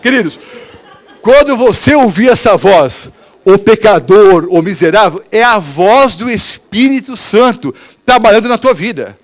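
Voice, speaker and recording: A male pastor with a Brazilian Portuguese accent preaching a sermon in church, animated and quizzing the congregation with questions. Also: very high-pitched, measured pace.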